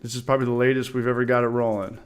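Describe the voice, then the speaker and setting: An upbeat man hosts a casual live stream, chatting loosely and greeting viewers one after another. His voice comes through smooth and clear. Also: mid-range voice, flat delivery, rapid-fire. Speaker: livestream host.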